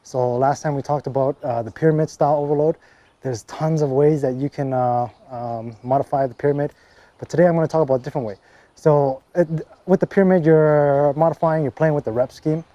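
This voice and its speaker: A man walks through a training method in a relaxed, chatty way, often checking in with "okay" and "right". His voice sits a bit high for a man but sounds mellow and dark. The recording is dry and somewhat dull, like cheap lo-fi gear. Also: brisk, no echo. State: briefly out of breath after a set. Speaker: fitness coach. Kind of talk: casual workout instruction.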